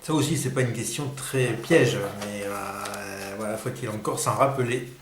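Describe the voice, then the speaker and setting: A man's voice: lowish voice, measured pace, noisy background. Guy doing a music quiz on his own channel, mumbling and sighing while he thinks, kinda echoey room. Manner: mutters and sighs while thinking, then perks up. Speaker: host of a record-collecting channel. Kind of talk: casual solo quiz, thinking aloud.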